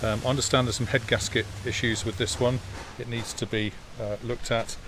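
Wandering an outdoor car park, a classic car vlogger from England chats easily about the cars, stumbling over plenty of ums and uhs. His pitch is ordinary and mid-level, and his phone captures a jet washer and outdoor sounds clearly behind him.

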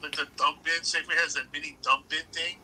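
A man's voice: a little high, little pitch movement, fast, bright, forceful tone, slight background noise, low-quality recording. A man hosting a casual livestream chat, telling stories and laughing often. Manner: storytelling, laughs often, says bro, Hawaiian pidgin touches. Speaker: livestream host.

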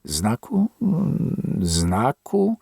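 A man reading an audiobook, voicing an eager, curious young man who exclaims excitedly. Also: mid-range voice, extremely slow, vocal fry, breathy edge, dry recording, clean studio sound, heavily acted.

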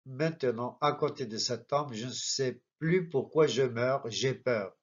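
A man's voice: medium pitch, a little slow, natural voice. A man reading as a doomed, proud young woman. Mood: fearful. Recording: dull lo-fi recording.

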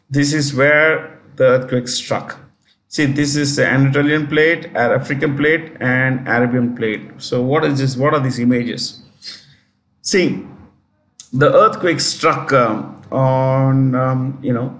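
A man's voice: medium pitch, a bit bright. A man with an Indian English accent teaching a current affairs lesson in a chatty way, often correcting himself and spelling words out.

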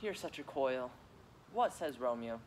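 A man's voice: medium pitch, expressive, measured pace, a little hiss or hum, close to an everyday voice, poor audio. A teenage boy playing an eager, impatient young girl in love in a school Shakespeare reading, pleading and restless. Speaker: student actor.

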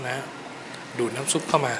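A man vlogging casually as he tastes a local dish at a small eatery, talking in a relaxed, musing way with polite particles and frequent pauses. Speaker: travel vlogger. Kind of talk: casual food-tasting vlog. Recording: clear background noise.

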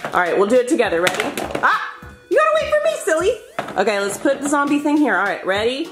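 A woman plays with her child at home, cheering him on and laughing as they go. Her voice sits high and swoops with animated pitch. The sound is roomy, with music running underneath. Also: quick pace. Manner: bubbly, encouraging, laughs often. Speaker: mom and co-host of a kids' toy channel. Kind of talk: playful toy play with her child. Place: living room at home.

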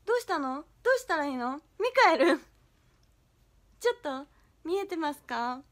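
A woman's voice: sits high, animated, unhurried. A young woman hosting a livestream, chatting playfully and bashfully with viewers and giggling as she reads their comments. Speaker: idol livestream host.

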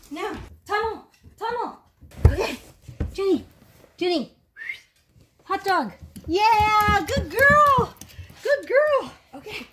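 A woman's voice: very high voice, a little hiss or hum. A middle-aged woman in her apartment living room, cheerfully coaxing her dog through a home course. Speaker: dog owner. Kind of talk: casual home video.

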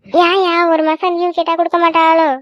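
A caring village aunt, voiced by a woman, coaxes and insists in a very high, fast cartoon voice. The recording is dry and somewhat dull. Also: monotone, no echo. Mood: coaxing. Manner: coaxing, insistent. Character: caring middle-aged village aunt, persuasive. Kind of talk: cartoon voice acting.

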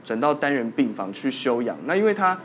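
Male doctor, brisk ghost-story telling, mid-pitched voice, studio music underneath. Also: big pitch swings, fairly bright tone, a little hiss or hum. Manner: quotes people in dialogue while telling the story. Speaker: doctor guest.

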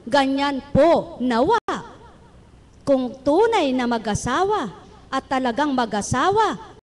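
Woman preacher from the Philippines, high voice, rousing sermon, keeps calling questions out to the congregation. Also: sing-song, slow pace, in a large hall.

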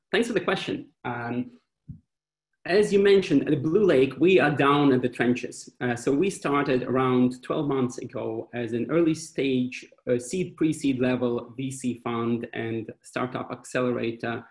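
A man in his thirties, a venture fund panelist, speaks animatedly on a webinar video call with many fillers and restarts. His mid-range voice is a little slow, picked up by a laptop webcam in a small, echoey indoor room with a wall clock.

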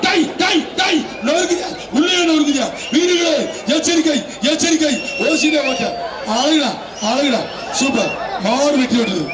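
A man announcing a live bull-taming event over a loudspeaker, with excited shouted calls and cheers. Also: very high-pitched, moderate pace, background noise. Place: outdoor arena. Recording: echoey loudspeaker from far off, loud crowd.

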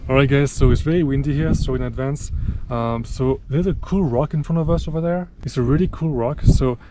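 A man in his thirties making a casual how-to vlog about night sky photography, talking in a relaxed way with many fillers, outdoors in a windy desert at night. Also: mid-range voice, a little fast, music in the background, low-quality recording. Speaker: astrophotographer vlogger. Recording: loud wind noise outdoors.

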